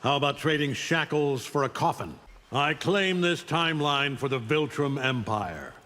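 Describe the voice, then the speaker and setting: A man's voice: on the high side, lively intonation, normal speed, pushed and bright. Omni-Man, coldly commanding in long reverb. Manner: cold, commanding, contemptuous. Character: arrogant, menacing alien superpowered conqueror, mature male warrior. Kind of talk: video game fight intro acting.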